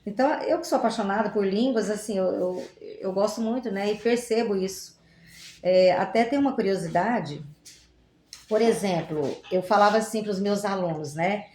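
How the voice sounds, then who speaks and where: Speaking as a guest in a casual, teacherly way, a woman from Goiás, Brazil, explains words and their origins, full of rhetorical questions and playful examples. Her medium-pitched, slightly mellow voice moves at normal speed, and the echoey room adds a little hiss or hum.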